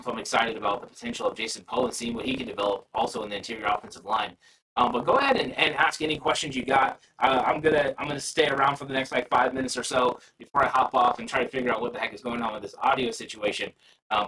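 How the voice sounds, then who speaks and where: A man's voice: medium pitch, creaky, bright, forceful tone, distant mic, a little hiss or hum, poor audio. Man with a glitchy robotic-sounding voice. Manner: rambling, frequent restarts and fillers. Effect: garbled robotic-sounding audio from a bad connection. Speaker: sports podcast host. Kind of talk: casual livestream chat.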